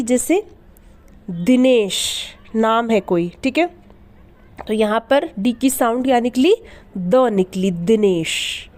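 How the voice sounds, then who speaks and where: A woman's voice: a little high, a little mellow. A woman teaching English letter sounds in a lesson, spelling words out letter by letter and asking questions that she answers herself. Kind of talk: phonics lesson.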